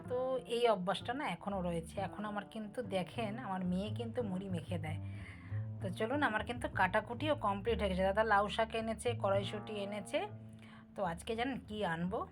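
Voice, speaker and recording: A middle-aged woman with Bangal family roots, chatting casually to viewers while she cooks at home. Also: mid-range voice. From Bangal family, East Bengal roots. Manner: homely, talks directly to viewers, asks for comments. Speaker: cooking vlogger.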